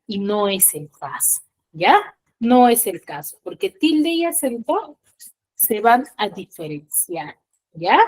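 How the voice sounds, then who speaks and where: A woman's voice: fairly high pitch, darkish tone. Woman teacher peppering her lecture with "¿ya?". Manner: explains step by step, checks in with frequent "¿ya?"; rising emphatic questions answered by herself. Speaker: school teacher. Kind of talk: online class lecture.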